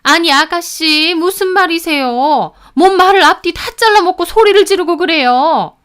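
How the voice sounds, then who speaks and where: A woman voicing a young wife and sister-in-law who talks slowly, indignant and politely sharp. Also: very high-pitched, voice pushed up.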